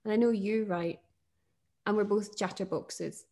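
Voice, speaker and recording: A middle-aged woman with a Northern English accent talks about poetry in a relaxed conversation. She is thoughtful and enthusiastic, with a medium voice, little fillers and soft laughs. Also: mid-range voice, measured pace. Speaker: podcast host.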